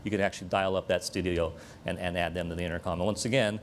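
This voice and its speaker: Before an audience at a live event, a man gives a conversational technical demo, explaining the equipment as he shows it. He has a deep, steady voice and talks fast, with slight background noise.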